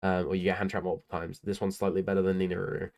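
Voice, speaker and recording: A man's voice: low voice, flat delivery, racing, vocal fry, a little mellow. A tired young man casually talking through his tournament card deck in a laid-back, rambling way, with lots of ums and uhs. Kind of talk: casual deck profile talk.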